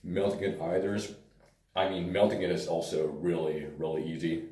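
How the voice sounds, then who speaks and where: A pomade reviewer with a hoarse, tired voice, as if he's lost it, rambles through a hair product review at a moderate pace. His voice is very low, dark and mellow, and he sounds relaxed and hesitant, with plenty of fillers. The mic sits some distance away in an echoey room.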